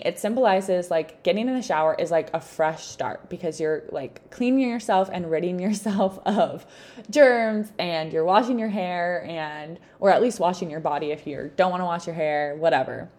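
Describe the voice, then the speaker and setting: Here a self-help podcast host, a young adult woman, talks in a lowish voice with a darkish tone. Breezy and encouraging, she hands out advice in a relaxed, chatty style, leaning heavily on "like" to fill gaps.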